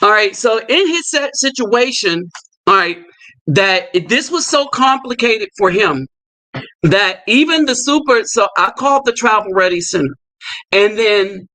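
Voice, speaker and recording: High, bright-voiced man hosting a livestream. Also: expressive. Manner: talks in quick bursts with fillers and asides. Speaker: livestream host. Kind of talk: casual live commentary.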